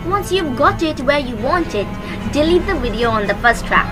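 A young woman with a high-pitched voice hosts a tutorial, reading scripted step-by-step instructions at a normal speed with big swings in pitch. She speaks into a close microphone on a stand, with music playing in the background.

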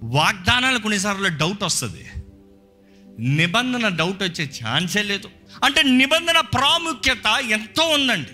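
Bright, high-voiced man preaching. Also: sing-song, moderate pace, faint music behind. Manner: emphatic preaching with rhetorical questions to the congregation; answers a scripture reader with short affirmations. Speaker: pastor. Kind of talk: sermon. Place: church service.

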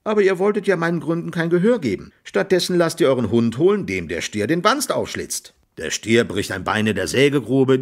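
A man reading an audiobook voices a cheeky, talkative young gentleman who argues and lectures. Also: medium pitch, lightly acted. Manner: argumentative, lecturing, quick.

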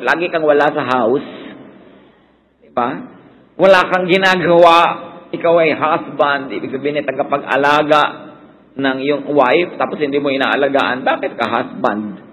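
A Filipino-accented man delivers a sermon, moving between Tagalog and English and briefly mimicking people who complain. His voice sits at an ordinary middle pitch for a man. A faint noise runs underneath the recording. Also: highs cut off. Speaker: preacher.

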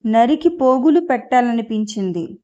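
A woman's voice: fairly high pitch, animated, normal speed, warm tone, muffled recording, close to an everyday voice. A woman voicing an earnest, indignant young wife in a storybook reading. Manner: earnest, questioning.

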